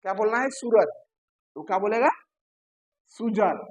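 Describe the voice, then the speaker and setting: A man teaching a lecture, posing questions to his listeners and answering them himself, repeating key terms slowly. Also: sits high, a bit bright, low-quality recording. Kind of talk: classroom lecture.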